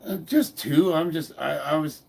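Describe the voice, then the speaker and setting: A powerlifter in his fifties hosts a training livestream, chatting casually with a stuffy nose. His voice is a little high, gravelly and breathy-edged, at a moderate pace, recorded in a noisy room with ambient background sound.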